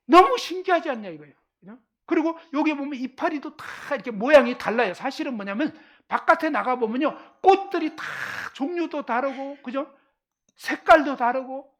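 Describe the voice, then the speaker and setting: A middle-aged Korean woman giving a lively Bible lesson to a live class, constantly asking questions and checking that everyone follows. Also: high-pitched. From Korean countryside.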